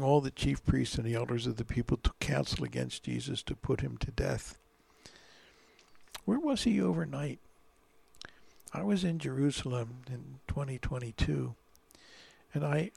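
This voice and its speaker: A man, a priest, reading the Gospel dramatically and preaching, dropping to hushed whispers at moments of feeling. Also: on the high side, gravelly, breathy edge, dry recording.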